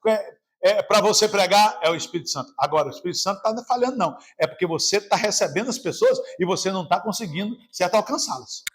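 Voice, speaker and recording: A man with a Brazilian Portuguese accent, preaching a sermon as pastor, swinging between shouting and a quiet, lowered voice. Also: lively intonation, fast. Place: church service.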